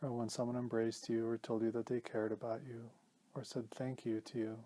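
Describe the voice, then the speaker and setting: With pauses and a measured, gentle calm, a male meditation teacher talks listeners through a guided session in his mid-range voice.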